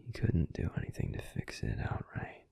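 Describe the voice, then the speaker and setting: Close to a dry microphone with no room sound, a man whispers in a breathy, husky, unhurried way as a grumpy but tender werewolf boyfriend in an intimate sleep-aid roleplay. His tone is warm, his voice natural, and he confides casually.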